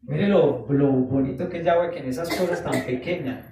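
A man preaching a sermon, animated, acting out quoted voices and drawing out phrases for emphasis. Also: on the high side, normal speed, background noise. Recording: echoey room, voice from far off the mic.

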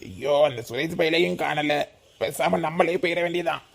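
A man's voice: a little high, normal speed, vocal fry. A man voicing a scheming older suitor in a cartoon, with a Kanyakumari Tamil accent and a coaxing, wheedling manner. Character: scheming older brother type, persuasive suitor. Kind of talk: cartoon voice acting.

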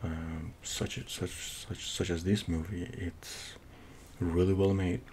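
A middle-aged man from Iran with a thick Persian, Middle Eastern accent, giving a casual movie review in a halting way, searching for words. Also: flat delivery, darkish tone. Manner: halting, searching for words with repeated false starts. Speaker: film reviewer. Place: small home office, indoors. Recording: noisy room recording with low rumble.

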